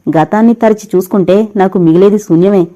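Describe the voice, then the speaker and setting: A woman's voice: mid-range voice, fast, mellow, close to an everyday voice. A woman voicing a heartbroken young man who drinks himself to ruin, speaking in pained, bitter lines that push his lost love away. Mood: anguished.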